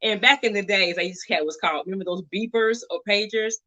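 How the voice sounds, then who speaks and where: Chatty woman dentist, bright voice. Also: mid-range voice, quick pace, muffled recording. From Atlanta, Georgia. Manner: lively, laughing, chatty. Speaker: dentist guest. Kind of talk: casual interview.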